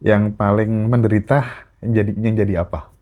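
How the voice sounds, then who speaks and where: A man hosting a podcast, asking calm, reflective questions in casual talk. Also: fairly low pitch, moderate pace. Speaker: podcast host.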